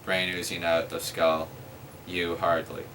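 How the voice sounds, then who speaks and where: A man's voice: sits low, monotone, a little slow, a bit bright. A young man in a band, chatting casually in a laid-back, joking way. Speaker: band member. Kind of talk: casual chat. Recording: distant mic with noise.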